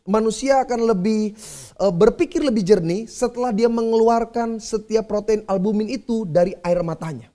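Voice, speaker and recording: A man's voice: high-pitched, dark tone. A male pastor preaching a sermon in a conversational way, speaking directly to his congregation.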